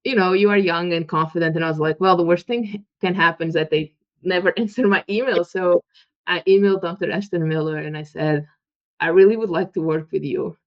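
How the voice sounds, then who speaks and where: Heard through muffled lo-fi audio, a Portuguese-accented woman in her thirties from Portugal speaks as a guest researcher in a casual interview. Her voice is on the low side, and she's animated, eagerly acting out quoted dialogue and laughing.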